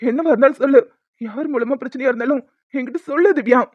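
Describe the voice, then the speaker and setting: A woman's voice: fairly high pitch, normal speed, dry recording, lightly acted. A woman voicing a caring young husband. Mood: tender. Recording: dull lo-fi audio with faint music.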